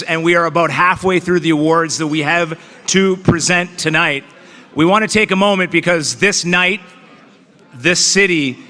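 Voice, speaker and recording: A man's voice: a little high, sharp tone. A man co-hosting a live awards gala, joking and self-mocking as he announces sponsors. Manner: playful, self-mocking banter. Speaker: awards show co-host. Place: large banquet hall. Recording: reverberant hall PA sound.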